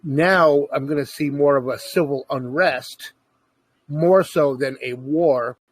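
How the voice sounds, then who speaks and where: A man's voice: on the high side, slow pace, husky, no echo. A man in casual conversation, earnestly explaining his views at length in a lecturing way.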